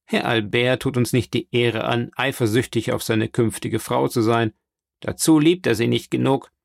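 A man voicing a self-important, blustering banker in an audiobook, pompous and animated. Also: medium pitch, moderate pace, gravelly, no echo, studio quality, close to an everyday voice. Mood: scornful.

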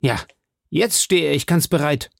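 A man voicing an eager, infatuated young swordsman who speaks in a flattering, fervent way. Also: fairly high pitch, moderate pace, no echo, studio quality, voice pushed up.

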